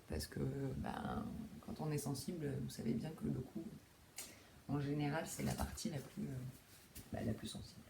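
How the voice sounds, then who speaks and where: Deep and dark-toned, a woman's voice comes with a little hiss or hum. She's a young host of a knitting video podcast, chatting casually from a home room with a window, with many fillers, restarts and self-deprecating asides.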